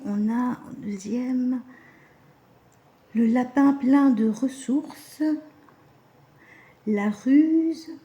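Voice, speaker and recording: Woman, casual card reader, mellow voice, echoey room, hesitant and chatty. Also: on the high side. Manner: chatty, hesitant, many fillers and self-corrections. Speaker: animal communication card reader. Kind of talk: casual card-reading guidance.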